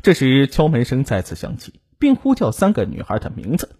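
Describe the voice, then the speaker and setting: A man's voice: mid-range voice, wildly swooping pitch, a little fast, a little mellow, a little hiss or hum. A man narrating a true crime story with dramatic delivery. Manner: dramatic, rising and falling delivery.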